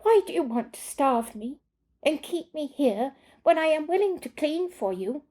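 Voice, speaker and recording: A woman's voice: high voice, animated, unhurried, warm tone, pitched above the performer's own voice. A woman voicing an anxious young foreign servant woman who speaks formal, slightly broken English. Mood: pleading. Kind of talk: reading a story aloud.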